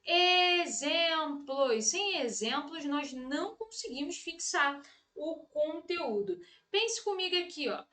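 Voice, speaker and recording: A woman from Brazil teaches an exam-prep grammar lesson in a bright, very high voice. She speaks slowly and deliberately, repeats key words and checks in with her students often. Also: animated.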